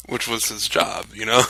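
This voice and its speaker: Man, podcast co-host, laid-back hesitant chat, lowish gravelly voice. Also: bright, forceful tone, a little hiss or hum, low-quality recording. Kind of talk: casual chat.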